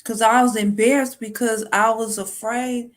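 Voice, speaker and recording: A woman's voice: on the high side, flat delivery. A young woman speaks to her viewers in a personal, confessional vlog. She stops and restarts, repeating words as she tries to get them out. Her voice is close to tears. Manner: halting, repeats words, emotional. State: near tears. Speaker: vlogger.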